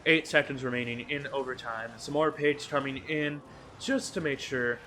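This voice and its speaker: A man giving quick, excitable play-by-play commentary on an esports match, with jokey asides. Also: medium pitch, slight background noise. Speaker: esports caster.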